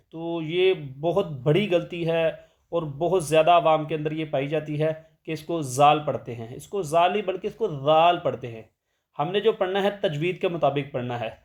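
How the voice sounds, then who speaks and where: A man teaching tajweed, explaining rules plainly and then reciting verses in a slow melodic chant. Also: a little high.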